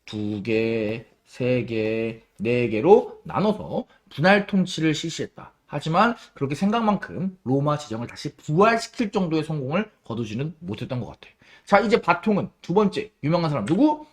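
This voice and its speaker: A man teaching a history lecture to students, lively and casual, asking questions and answering them himself. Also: fairly high pitch, fairly quick. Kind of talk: classroom lecture.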